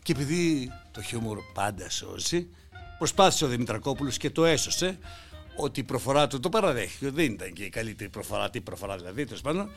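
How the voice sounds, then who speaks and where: A man delivering a mocking satirical monologue, swinging between loud outbursts and hushed asides. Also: mid-range voice, lively intonation, soft background music. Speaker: satirical commentator.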